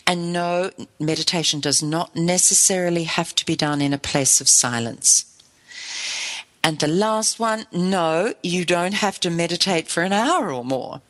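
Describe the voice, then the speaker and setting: A woman's voice: on the low side, lively intonation, a little slow, a bit bright. A woman hosting an informal instructional talk on her own, emphatic and reassuring. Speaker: meditation teacher and host. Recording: long reverberant echo.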